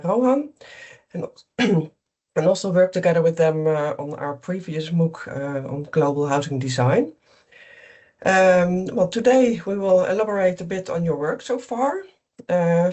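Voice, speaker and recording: A middle-aged man, a university researcher, presenting on a video call in a measured, hesitant way with many fillers. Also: high-pitched, darkish tone. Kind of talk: webinar presentation.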